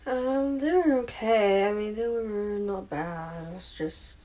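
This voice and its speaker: A woman's voice: mid-range voice, expressive, unhurried, mellow. A woman sleep talking, in drowsy, disjointed, mumbled phrases that often trail off unfinished.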